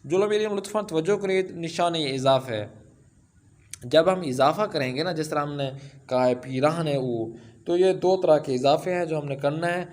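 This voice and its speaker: A man teaching Persian in an online lesson. He reads Persian sentences aloud and then explains them slowly, with many filler sounds. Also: fairly high pitch, darkish tone.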